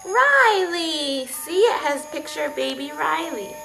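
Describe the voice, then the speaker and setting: A woman's voice: a little high, very animated, measured pace, sharp tone, soft background music, low-quality recording. A woman reading picture books to a toddler at home, talking in a sing-song way, asking simple questions and making animal sounds.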